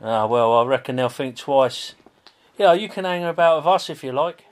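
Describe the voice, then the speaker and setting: A man's voice: medium pitch, animated, normal speed. A man with a chatty, playful manner, playing as a player in a tabletop game.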